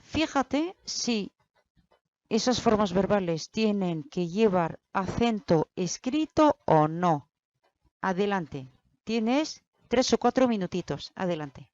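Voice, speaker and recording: A woman teaching a grammar lesson, explaining slowly and deliberately and speaking straight to the learner. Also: mid-range voice, animated, a little mellow, dry recording. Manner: slow, deliberate explaining, addressing the learner directly. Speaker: Spanish teacher. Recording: dull, lo-fi, dry sound.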